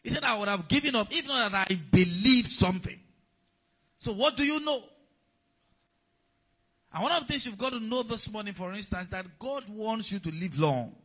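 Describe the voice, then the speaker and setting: A pastor preaches a sermon in a high, expressive, bright and forceful voice, speaking at a moderate pace with long pauses. He repeats key lines and calls out to check in with the congregation, and the recording has a dull lo-fi sound.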